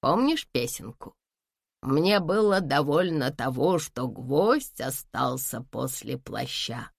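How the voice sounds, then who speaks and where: Woman narrator doing a soft worried old mum, low slow voice, dry sound. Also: animated, creaky, no echo, full character voice. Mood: tender. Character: elderly mother, gentle, worried, wise. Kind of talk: audiobook dialogue.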